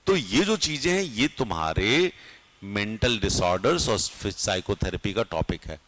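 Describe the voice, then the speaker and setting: Lively male teacher giving an exam-prep lecture. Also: lowish voice, normal speed, a little hiss or hum. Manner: lively, asks students rhetorical questions.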